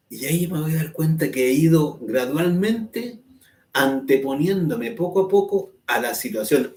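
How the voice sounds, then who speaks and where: A man's voice: mid-range voice, a little mellow. Guy teaching a spiritual course, middle voice, roomy echo, keeps asking "right?". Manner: explanatory, acts out angry quotes, asks "¿cierto?" often. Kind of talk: online class lecture. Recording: echoey room.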